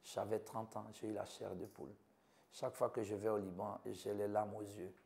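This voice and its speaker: A doctor in his fifties from Côte d'Ivoire, with an Ivorian French accent, is interviewed about his life, giving an earnest personal account in short listed phrases. His voice is lowish, creaky and a little mellow, with a flat delivery at normal speed.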